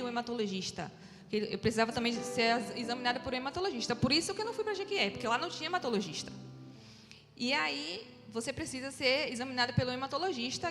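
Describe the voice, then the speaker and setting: A woman giving a personal testimony in church, telling her story in an animated way and acting out the dialogue. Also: sits high. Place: church hall. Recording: long hall reverb with faint music.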